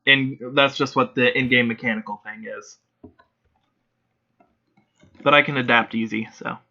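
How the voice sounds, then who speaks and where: A man narrating a tabletop role-play as game master in a steady, descriptive storytelling manner. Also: mid-range voice, a little slow, vocal fry, highs cut off, a crowd in the background.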